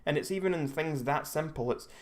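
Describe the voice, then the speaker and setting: A man's voice: on the high side, fairly quick. A young Scottish man hosting a live stream, chatting casually and rambling with frequent restarts and self-corrections. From Scotland. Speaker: livestream host.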